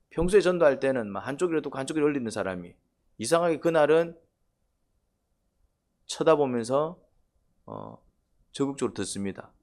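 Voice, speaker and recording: A middle-aged male pastor preaching a sermon, pausing on filler sounds, repeating key points and asking the listeners questions. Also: medium pitch. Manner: repeats points, often says 'eo' filler, asks the congregation questions.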